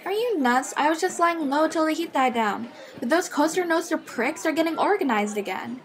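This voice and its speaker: A woman's voice: high-pitched, expressive, normal speed, a crowd in the background. A woman playing a brash, tough schoolgirl vigilante in a comic dub, matter-of-fact and foul-mouthed. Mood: cocky, eager. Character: brash, tough schoolgirl vigilante, fiercely devoted to late father. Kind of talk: comic dub narration and dialogue. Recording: music behind the voice.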